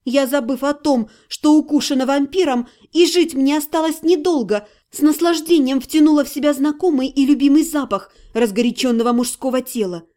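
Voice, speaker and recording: A woman narrating a first-person fantasy audiobook in an expressive storytelling manner. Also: sits high, normal speed, hardly any pauses. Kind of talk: scripted narration.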